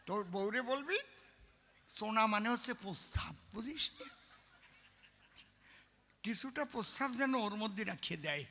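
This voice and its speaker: A man voicing an older village uncle, a sly know-it-all who gives hushed, conspiratorial advice. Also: high-pitched, expressive, measured pace, pauses often, exaggerated voice. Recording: long reverb.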